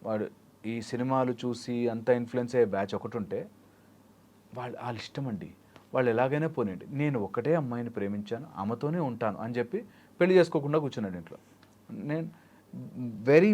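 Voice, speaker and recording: A man's voice: mid-range voice, darkish tone. Man giving life-coaching advice. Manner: explains with everyday examples, mixing English phrases. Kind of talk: interview answers.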